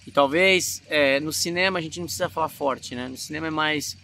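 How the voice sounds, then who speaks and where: A man from Brazil with a Brazilian Portuguese accent, giving a casual acting lesson in an animated way and showing emotions as he talks. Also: a little high, a little fast, slight background noise. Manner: animated, demonstrates emotions mid-talk. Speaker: acting teacher.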